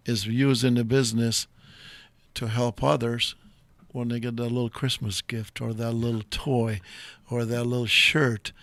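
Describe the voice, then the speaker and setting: Older male talk host with a gravelly voice. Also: medium pitch, no echo. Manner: rambling, enthusiastic, jokey. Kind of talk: casual live talk show chat.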